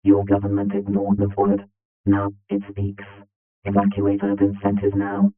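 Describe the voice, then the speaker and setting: A man's voice: lowish voice, monotone, a little slow. An actor playing a cold male hijacker who gives clipped, ominous commands over a hijacked broadcast transmission. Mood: menacing. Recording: tinny, echoey, distant transmission with music.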